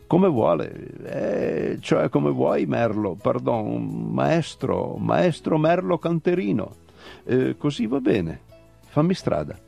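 A man's voice: mid-range voice, very animated, slow pace, vocal fry, mellow, faint music behind, voice pushed up, heavily acted. A man voicing a lazy, meek ginger tomcat who fawns over his master. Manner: meek, fawning.

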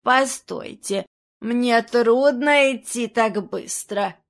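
Woman doing a creaky old antique dealer. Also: mid-range voice. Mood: breathless. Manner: very slow and drawn out. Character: hunched old male antique dealer, sly.

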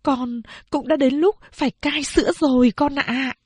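A woman's voice: extremely high pitch, animated, slow pace, no room sound, pitched above the performer's own voice, heavily acted. A woman voicing a desperate peasant mother worn down by famine, pleading and wailing in a raised voice. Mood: tender.

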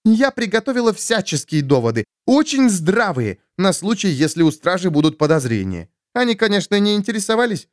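A man voicing a sharp-tongued, scornful woman who snaps and scolds in an audiobook story. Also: high voice, big pitch swings, brisk, hardly any pauses, no echo, clean studio sound, pitched above the performer's own voice. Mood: scornful snapping. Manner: snapping, scolding, sarcastic.

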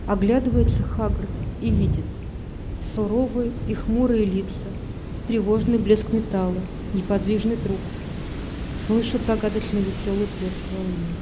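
A woman narrating the stage directions of an audio play in a measured way. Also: mid-range voice. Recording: steady background hiss.

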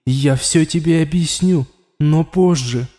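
A man's voice: fairly high pitch, takes it slowly, dark tone, faint music behind. A man voicing an echoing alien voice in the head. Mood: urgent. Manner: urgent, pleading, ominous. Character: insistent alien voice inside a man's head. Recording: long echoing reverb.

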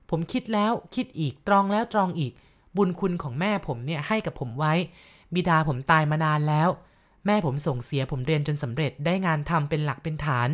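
A woman reading the lines of the ghost of a remorseful young male bandit, speaking quietly and pleadingly. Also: low voice, lightly acted.

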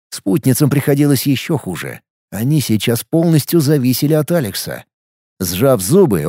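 A male narrator reads a fantasy audiobook in a lively, animated way and acts out the dialogue. His voice is mellow and fairly high, and it sounds dry and close. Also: dry recording. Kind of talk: scripted narration of a fantasy novel.

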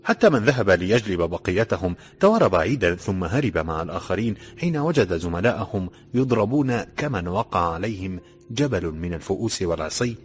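A man narrating an audiobook in a steady, dramatic storytelling manner. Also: deep voice, brisk.

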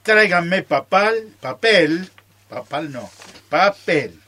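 In amateur radio theatre, a man with an Argentine accent plays a stubborn, teasing keeper of a secret recipe, giving a full character voice with coy, theatrical delivery. His voice is high, expressive and slow, with a sharp tone and a playful mood.

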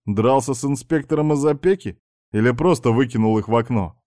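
A man's voice: medium pitch, a little fast, mellow, dry recording, studio quality, close to an everyday voice. A man voicing a joking, easygoing young male friend who teases the narrator. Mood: teasing. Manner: joking, mocking.

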